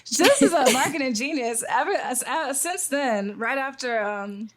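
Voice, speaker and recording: Woman, higher-pitched voice, podcast co-host, casual chat, slangy, giggly, informal. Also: measured pace. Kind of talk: casual chat about pop culture news.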